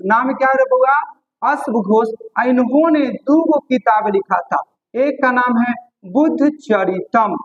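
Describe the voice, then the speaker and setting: A man's voice: very high-pitched, muffled recording. A man with a Bihari accent lecturing a classroom, repeating each point as a question and coaxing and teasing his students. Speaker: teacher.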